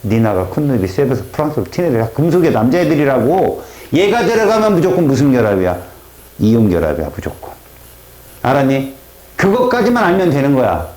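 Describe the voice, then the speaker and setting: A male science teacher lectures in a roomy classroom that echoes around him, his fairly high voice swinging widely as he fires questions at the class. He acts out fizzing and popping sounds to make his point. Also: a little hiss or hum. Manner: lively, questioning students and mimicking reaction sounds.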